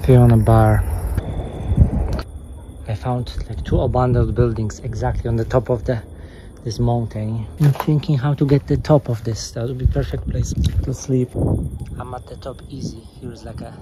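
A young man narrating his budget travel vlog outdoors, talking into a handheld camera in plain, halting phrases. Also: mid-range voice, fairly even intonation. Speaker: travel vlogger. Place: outdoors on beaches, trails and streets. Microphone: handheld camera at arm's length. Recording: loud outdoor noise.

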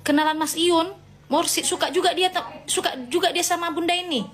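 Speaking briskly in a very high, steady voice, the woman runs a casual live stream. She reads her viewers' comments out loud and replies with playful, motherly chiding.

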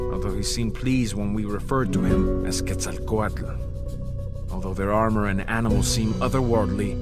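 Narrating a game cutscene, a male actor plays a proud and grave Aztec jaguar warrior, telling the story in a solemn, measured way. His voice is fairly low and close to how he'd normally speak.

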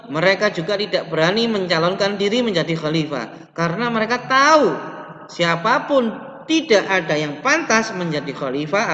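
Young male teacher, high voice, reads slides and explains with restarts, echoey room, muffled webcam sound. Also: bright, forceful tone. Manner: reads slides aloud and adds explanation, with restarts and stretched words. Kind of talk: online lesson explaining slides. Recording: roomy, reverberant, dull lo-fi webcam audio.

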